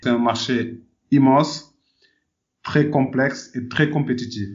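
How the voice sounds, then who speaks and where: Slow and medium-pitched, a man from Senegal speaks as an interview guest; he's an entrepreneur on a podcast. He answers in a conversational way, frequently repeating words as he hunts for phrasing, and the recording has its highs cut off.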